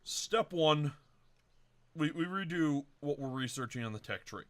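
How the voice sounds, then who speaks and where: A man's voice: fairly high pitch, expressive, measured pace, a little hiss or hum. A man hosting a let's-play video, casually thinking aloud and correcting himself as he plans his moves. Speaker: game commentator.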